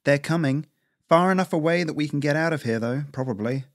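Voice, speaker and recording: A man's voice: fairly high pitch, a little fast, pitched above the performer's own voice, natural voice. A man doing a snappish older squirrel lady. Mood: exasperated. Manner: snappish, scolding. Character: sharp-tongued older female squirrel adventurer.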